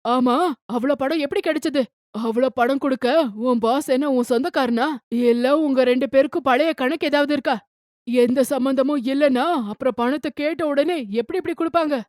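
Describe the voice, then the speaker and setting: A woman's voice: sits high, brisk, a little mellow, no room sound, studio quality, close to an everyday voice. A woman voicing a harsh, accusing older mother-in-law in a cartoon story, taunting and insulting. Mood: scornful.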